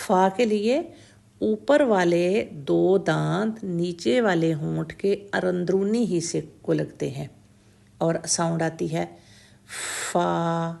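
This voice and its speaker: A woman teaching tajweed pronunciation, slowly and patiently demonstrating each letter sound over and over and checking that the learner follows. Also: fairly low pitch, vocal fry, warm tone. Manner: mixes English words into Urdu, checks in with "theek hai?". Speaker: Quran recitation teacher.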